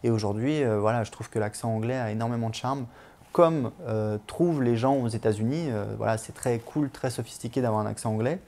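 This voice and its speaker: A man's voice: medium pitch, fairly quick, mellow. A man in his thirties giving casual advice on learning languages in a chatty way, with many fillers and restarts.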